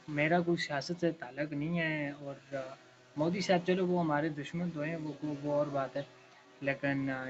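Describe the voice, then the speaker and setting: A man from Pakistan giving casual, rambling commentary as a reaction vlogger, with lots of fillers. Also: fairly high pitch. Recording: dull lo-fi sound.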